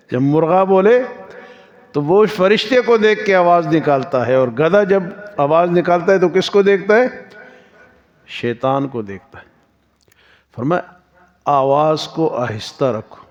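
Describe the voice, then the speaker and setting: A man teaching a Quran lesson as a sermon, reciting verses slowly and then explaining them in plain speech, with Persian verse chanted in slow drawn-out lines. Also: fairly high pitch, highs cut off.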